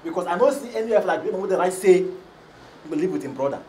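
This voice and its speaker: A man's voice: high voice, animated, fast talker, darkish tone, slight background noise, rough recording. An actor playing a shameless man who blusters and pleads in a Nigerian Pidgin accent, in a film drama. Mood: blustering.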